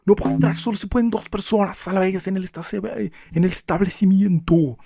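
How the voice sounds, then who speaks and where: A man voicing a grumpy, rude old woman who works as a bakery clerk, in a high scolding voice. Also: brisk, gravelly, warm tone, husky, dry recording, clean studio sound, full character voice.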